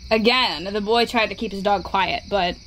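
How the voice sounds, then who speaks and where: A woman tells a scary story in a steady, measured way, keeping an even pace. Her voice sits in a middle pitch over a faint hiss of background noise. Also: rough recording.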